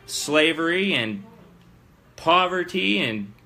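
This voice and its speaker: A man's voice: a little high, lively intonation, takes it slowly, creaky, sharp tone. A man hosting a live show, giving emphatic, plain-spoken political commentary to his audience.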